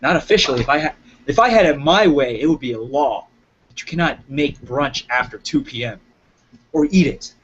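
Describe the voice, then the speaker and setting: A man's voice: mid-range voice, fairly quick, fairly bright tone, highs cut off, slight background noise, natural voice. A man playing an uptight, rule-obsessed roommate in an improv comedy scene, fussy and indignant. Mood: lecturing.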